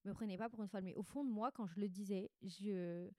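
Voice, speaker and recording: A woman speaks with a stuffy, congested nose. Her voice is mellow, at an average pitch for a woman, and the sound is very dry with no room echo. She chats candidly and slangily, as if confiding a diary, often wandering and correcting herself mid-sentence. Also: fairly quick. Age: 20s. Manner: candid, rambling, self-interrupting. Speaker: podcast host. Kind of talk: casual confessional monologue, chatty and slangy.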